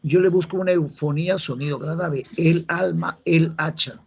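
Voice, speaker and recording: On a lo-fi recording, a man speaks a little fast in a fairly high, husky voice with a darkish tone. With a Peruvian Spanish accent, he teaches an entrance-exam grammar lesson, patiently explaining, repeating key rules, and quizzing the class.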